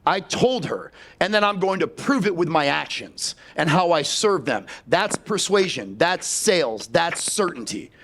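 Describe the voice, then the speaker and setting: A man's voice: fairly high pitch, sing-song, measured pace, few pauses, a bit bright. Blunt, profane male sales trainer. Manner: blunt and profane, addresses the audience directly. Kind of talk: live seminar talk.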